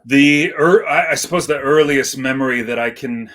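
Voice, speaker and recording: Chatting casually as an interview guest, a hip hop DJ in middle age, who moved from Iceland to California when he was seven, comes across as slangy, hesitant, reflective and rambling. His voice is medium-pitched and a bit bright, at a moderate pace.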